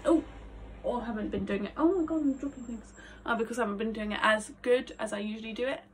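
An aspiring actress in her twenties talks casually and self-deprecatingly to camera in informal vlog style, her voice fairly high and quick. She's indoors in a small attic bedroom, recorded by a phone camera a short distance away.

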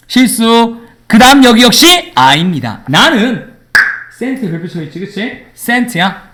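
A man teaching an English grammar lesson in a classroom, lively and teasing with his students. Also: sits high.

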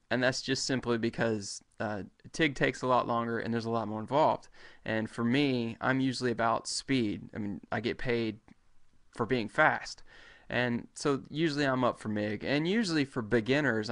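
A man's voice: mid-range voice, a bit bright. A man in his thirties hosting a live welding lesson over a webcam from a small room, talking loosely with many fillers and restarts. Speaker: welding show host. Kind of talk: casual livestream lesson. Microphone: webcam at desk.

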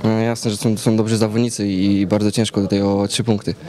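A young man in his twenties, a football player giving a halting post-match interview full of fillers and repeats, into reporters' handheld mics. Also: fairly low pitch, flat delivery. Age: 20s. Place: noisy hallway by sponsor backdrop after a match. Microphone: several reporters' handheld mics held close. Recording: loud crowd noise behind. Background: loud crowd chatter.

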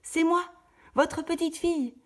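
Woman doing a high little red-hooded girl. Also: steady tone. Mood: cheerful. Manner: high, wide-eyed and slow.

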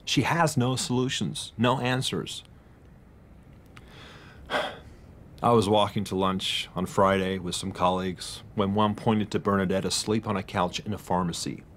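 An actor playing an earnest, worried middle-aged husband confiding in a doctor in a radio drama. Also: male voice, lowish voice, steady tone, measured pace, a bit bright, a little hiss or hum. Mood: troubled, confiding.

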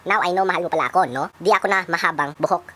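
Guy doing a giggly flirty gf, high squeaky voice, teasing, super fast. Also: fairly bright tone. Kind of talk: comic vlog rant.

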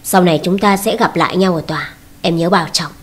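A woman's voice: fairly low pitch, fast talker, husky. A woman voicing a stern husband who speaks coldly and firmly to his wife in a storybook reading. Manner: cold, firm. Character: stern, cold husband ending his marriage.

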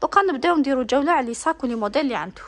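Fast-talking Algerian woman in a shop. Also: high voice, animated. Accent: Algerian Arabic. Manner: eager, rattles off prices, gushing over bags. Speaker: shopping vlogger. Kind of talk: product showcase vlog. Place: inside a bag shop. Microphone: handheld phone while filming.

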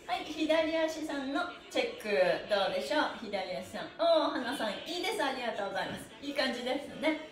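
Cheerful, polite and full of encouragement, a middle-aged woman with a high, animated voice hosts a livestreamed stretching class at a fast clip, laughing often, leading counted chants and playfully adding honorifics to body parts. She's indoors in a small bare-walled room with a wooden floor, and the camera mic sits a few metres off, so her words echo.

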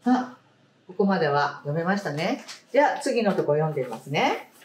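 A woman teacher leading a read-aloud lesson, speaking slowly and emphatically, repeating key words and asking the class questions. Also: fairly low pitch, sing-song, a little hiss or hum. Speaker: primary school teacher. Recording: roomy sound, distant mic.

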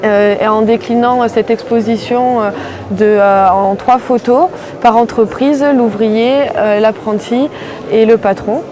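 A woman explains the project behind an exhibition she helped organize. She answers hesitantly and leans on many fillers. Her voice is somewhat high, and crowd chatter is clearly heard behind her. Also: steady tone, measured pace. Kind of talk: interview answers.

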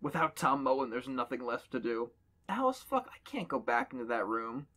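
A man's animated, medium-pitched voice comes across bright and forceful at a normal pace. He's reading a horror story to friends on a podcast, voicing the dialogue and joking between passages in a casual, bantering way.

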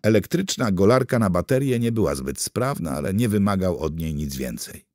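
A man narrating an audiobook in an expressive, animated storytelling manner. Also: deep voice, moderate pace, no room sound, studio quality. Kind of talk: scripted narration.

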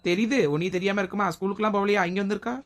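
A woman's voice: medium pitch, fairly even intonation, racing. A woman, playing a grumbling, sarcastic sister-in-law in a family comedy skit. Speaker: comedy sketch performer.

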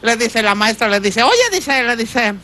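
A man's voice: very high voice, steady tone, normal speed, sharp tone. A man with a Mexican accent telling rambling jokes in a comedy sketch, laughing at his own punchlines.

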